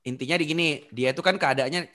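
Fast-talking male podcast host. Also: fairly high pitch, fairly bright tone. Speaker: host asking questions. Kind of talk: casual chat.

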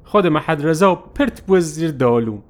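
A man narrating a first-person story in a lively, animated way. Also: a little high.

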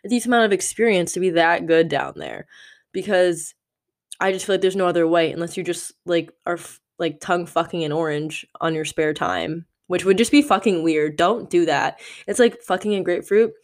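A woman in her twenties hosts a solo podcast, speaking candidly and rambling with lots of "like" fillers. Her voice is medium-pitched with a darkish tone.

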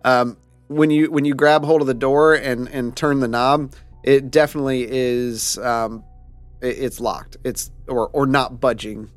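A man running a tabletop game as game master, narrating in a halting way with many pauses. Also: medium pitch, fairly even intonation, no echo, faint music behind. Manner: halting, with many ums and restarts.

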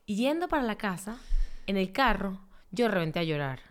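A woman, co-hosting and telling a personal story with animated repetition. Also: mid-range voice, moderate pace. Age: 30s. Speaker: podcast co-host. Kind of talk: casual couple storytelling.

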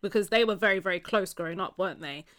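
A woman's voice: medium pitch, fast, a bit bright. A woman on a podcast panel, chatting casually and giving her views. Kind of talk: casual chat giving opinions.

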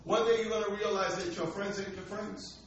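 Male preacher, American, high-pitched, street-talking sermon style calling on the congregation; very reverberant church recording. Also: flat delivery, fairly quick, a bit bright. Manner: streetwise colloquial delivery with rhetorical questions and calls for response. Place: large echoey indoor room, church service. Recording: echoey hall, distant dull mic, faint noise.

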